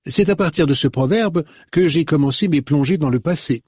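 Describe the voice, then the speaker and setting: A man with a husky voice voicing a talkative older woman novelist in an audiobook. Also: fairly high pitch, brisk, darkish tone, no echo, clean studio sound, pitched above the performer's own voice. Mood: chatty.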